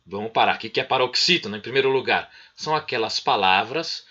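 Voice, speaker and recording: A middle-aged Brazilian man teaches in an explanatory way, often checking that the listener is following. His bright voice has a husky edge, and his pitch rises and falls with lively swings. The recording sounds dull and lo-fi. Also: fast talker. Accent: Brazilian Portuguese. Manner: explanatory, frequent "né?" and "certinho?" check-ins. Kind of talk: recorded online micro-lesson.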